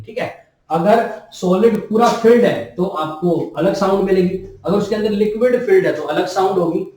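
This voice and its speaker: High-voiced male teacher in an echoey room. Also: a little mellow. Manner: repeats key terms and asks the class questions. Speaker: nursing teacher. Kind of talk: classroom lecture. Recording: very echoey room, mic far off.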